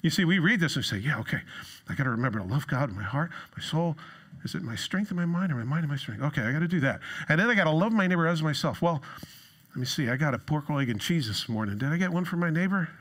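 A middle-aged man preaching from a church stage, lively and sarcastic, jumping into a higher voice when he quotes someone. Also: fast. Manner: lively, jumps into a high voice for quoted lines. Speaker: pastor. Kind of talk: sermon.

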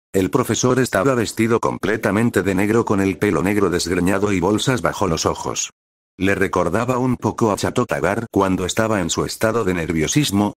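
Low-voiced guy reading fan fiction out loud, dry close sound. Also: no echo. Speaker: narrator.

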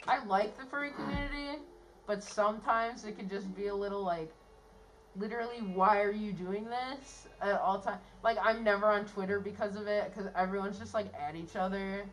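A woman's voice: mid-range voice, moderate pace, faint music behind. A young woman in a casual interview, talking in a giggly, rambling way, her voice muffled inside a costume head. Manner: giggly, rambling, laughs often. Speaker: fursuiter interviewee.

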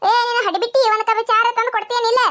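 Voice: very high voice, fairly even intonation, rapid-fire, a bit bright. A performer doing a nagging cartoon mother-in-law. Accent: North Karnataka Kannada. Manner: nagging, scolding. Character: scolding village mother-in-law, older woman. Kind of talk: cartoon comedy voice acting.

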